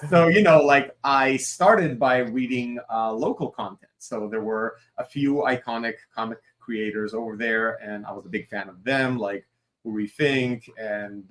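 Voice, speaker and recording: Slow-ish and fairly bright, this mid-range male voice belongs to a forties-aged Israeli creative director and comic writer. He speaks Hebrew and drifts through a relaxed interview with fillers and tangents, though the audio quality is poor.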